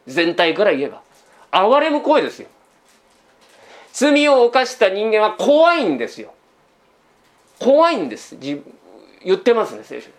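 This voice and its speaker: A man preaches a sermon in a chatty, conversational way. His voice sits high and swings widely as he asks the congregation one question after another. He keeps tacking a small "this" onto the ends of his sentences. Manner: tags sentences with a trailing "this". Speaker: pastor.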